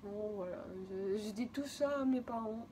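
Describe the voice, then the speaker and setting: A mellow, slightly high female voice at normal speed comes from a vlogger in her twenties from Spain. A native Spanish speaker, she uses French with a Spanish accent to tell an emotional personal story that rambles and repeats. Slight background noise is present.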